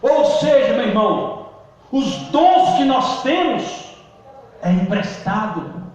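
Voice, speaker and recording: A male pastor preaching a sermon, calling out to the congregation and swinging between loud emphasis and quiet low lines. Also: very animated, slow, faint music behind. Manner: preaching with call-and-response, emphatic swings in pitch and volume. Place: church hall. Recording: distant echoey church hall recording, dull.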